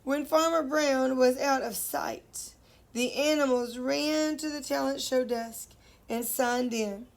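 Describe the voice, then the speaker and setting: A woman's voice: high-pitched, takes it slowly, vocal fry. A woman teacher reading a picture book aloud to children, stopping to ask them questions and playfully singing the animal noises.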